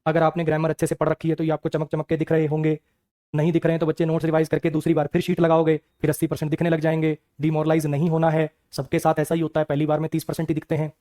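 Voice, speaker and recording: A man's voice: a little high, completely flat delivery, rapid-fire, warm tone. A man teaching an exam-prep English grammar lecture, firing rhetorical questions at his students.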